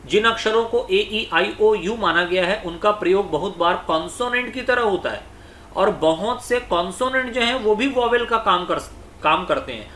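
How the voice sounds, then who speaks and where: A male teacher giving an exam-prep lecture. He explains slowly, repeats himself, and reads example sentences aloud. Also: sits high, pushed and bright, reverberant, slight background noise.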